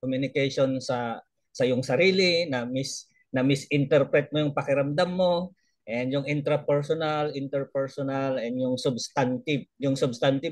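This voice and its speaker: A man's voice: medium pitch, dry recording. A man, sharing a report in a casual video-call talk, mixing in English, chuckling and restarting his phrases. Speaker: elder trainee sharing a report.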